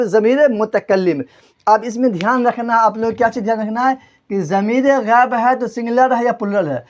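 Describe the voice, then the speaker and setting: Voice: mid-range voice, a little mellow. Repetitive quizzing grammar teacher, dull recording. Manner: repetitive, quizzes listeners and answers its own questions. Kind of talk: classroom grammar lesson.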